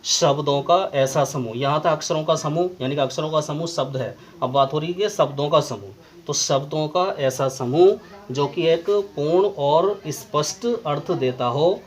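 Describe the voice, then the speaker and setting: A man with an Indian accent teaching English grammar as a lesson, slowly dictating definitions word by word. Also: on the high side, poor audio. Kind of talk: classroom lesson explaining grammar.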